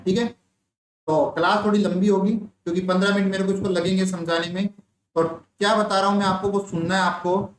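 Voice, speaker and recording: A man's voice: high-pitched, slight background noise. A man teaching an online nursing exam class, telling a story and quizzing his students with repeated questions. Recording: echoey room with faint ambience.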